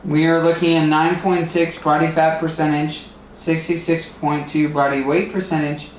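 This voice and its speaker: A man's voice: fairly high pitch, roomy sound, slight background noise. A young man vlogging casually from his home kitchen, talking in a rambling, easygoing way full of fillers. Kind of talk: casual vlog chat.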